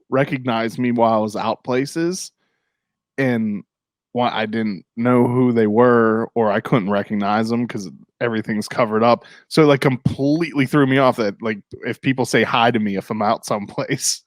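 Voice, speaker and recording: A man's voice: medium pitch, fairly even intonation, moderate pace, dry recording. Man hosting a podcast, dry close sound. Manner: joking, teasing, laughs often. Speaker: podcast host. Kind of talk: casual chat.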